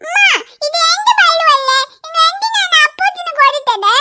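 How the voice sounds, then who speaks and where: A woman's voice: extremely high pitch, lively intonation, normal speed, bright, forceful tone, faint music behind, exaggerated voice. A woman voicing a stubborn, possessive little schoolgirl in a cartoon, whining and crying as she pleads. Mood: whiny stubborn. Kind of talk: cartoon voice acting.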